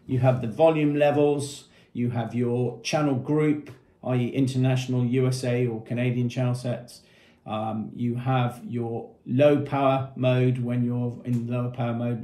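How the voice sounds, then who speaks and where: A man in his fifties, medium in pitch with a dark tone, works through a product in short, plain, methodical phrases as an informal presenter for a marine equipment retailer. He is seated at a table in a small indoor room with painted block walls, where the recording echoes.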